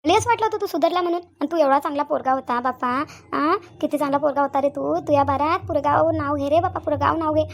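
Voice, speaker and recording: A woman with a Vidarbha Marathi accent voicing a middle-aged village aunt in a cartoon, scolding loudly and repeating herself. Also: high voice, steady tone, fast talker, vocal fry, hardly any pauses. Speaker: aunt Shanta. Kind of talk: cartoon dialogue acting.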